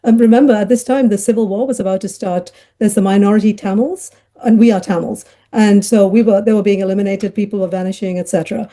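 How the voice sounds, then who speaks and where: A woman's voice: medium pitch, fairly even intonation, fast talker, mellow. A middle-aged woman who grew up in Ghana, telling her life story as a podcast guest in a chatty way with many fillers and laughs. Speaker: guest, child psychiatrist. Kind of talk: conversational storytelling interview.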